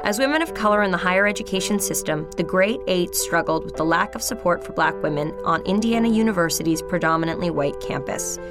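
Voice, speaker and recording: A woman's voice: fairly low pitch, expressive, fast talker, few pauses. A woman podcast host reading scripted narration in a playful, upbeat way. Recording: music bed behind.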